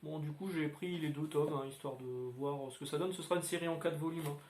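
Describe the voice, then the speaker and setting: A man with a slightly high voice chats casually about his week's comics, hesitating and wandering between thoughts. He talks into a standalone mic in a roomy, echoey room at home. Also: steady tone, quick pace, darkish tone, slight background noise. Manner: rambling, many filler sounds. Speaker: comics video host. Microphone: standalone microphone.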